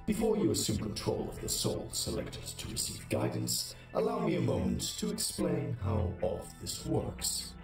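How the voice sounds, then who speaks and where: A man voicing a calm, formal male AI administrator in a game, with an echoing, processed robot voice and a measured, instructive manner. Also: mid-range voice. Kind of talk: game voice acting. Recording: heavy echo, distant, game music behind.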